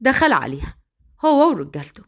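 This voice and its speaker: A woman with an Egyptian accent narrating a dramatic story in an expressive way. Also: a little high, fairly quick. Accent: Egyptian Arabic.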